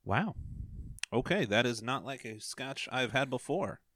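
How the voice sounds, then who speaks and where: A man as a guest on a casual online show, relaxed and musing aloud in chat with friends. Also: medium pitch, measured pace, no room sound.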